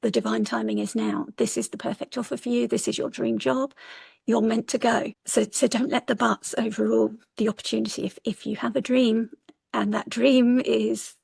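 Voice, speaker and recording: A woman with a fairly high, gravelly voice and a breathy rasp tells a story in earnest, urging the listener on. She sits close to a dry mic in casual conversation. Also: animated, normal speed, a little mellow, no room sound. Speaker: astrologer guest.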